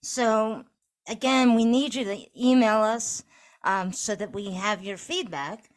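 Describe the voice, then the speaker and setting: A woman's voice: medium pitch, a little slow. A woman co-hosting a casual podcast, talking through plans in an organized way with plenty of "you know" fillers. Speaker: podcast co-host.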